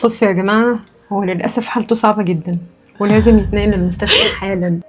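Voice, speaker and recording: Calm Egyptian psychiatrist, played by a woman, rapid but steady and soothing. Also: mid-range voice, soft background music, close to an everyday voice. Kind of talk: web drama acting.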